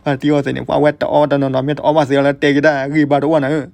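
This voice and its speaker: Fast gravelly male storyteller. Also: on the high side. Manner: lively, swings between loud outbursts and hushed asides. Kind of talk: folk storytelling.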